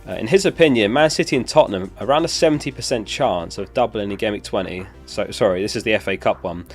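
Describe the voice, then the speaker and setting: Talking fast in a lowish voice, a young male streamer hosts a live stream over soft background music. He chats casually and answers questions from chat as he recovers from a lost voice.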